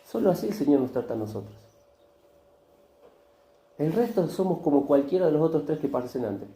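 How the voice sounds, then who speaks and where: Guy preaching a sermon, keeps repeating lines and asking the room questions, kinda high voice. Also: big pitch swings, fairly quick, warm tone. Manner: preaching with rhetorical questions and repetition. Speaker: pastor. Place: church hall. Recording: echoey church hall.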